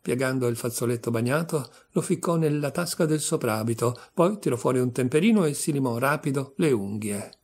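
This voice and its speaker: A man reading a literary short story aloud with steady, measured narration. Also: medium pitch. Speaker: audiobook reader.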